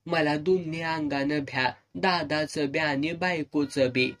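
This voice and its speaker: A man voicing a timid, quick-tempered young village farmer, in a serialized audio novel. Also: a little high, steady tone, a bit bright. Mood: tense.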